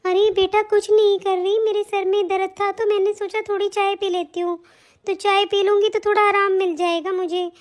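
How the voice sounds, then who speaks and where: A woman's voice: very high voice, little pitch movement, moderate pace. A woman playing a self-pitying older mother-in-law and grandmother who complains and moralizes in a plaintive way. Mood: placating. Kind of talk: hobby family-drama acting.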